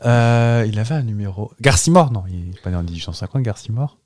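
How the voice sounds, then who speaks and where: Playful man with a lively voice. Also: lowish voice, a little fast, no room sound, clean studio sound. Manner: playful, jokey, wild guessing. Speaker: podcast co-host. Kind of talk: casual banter.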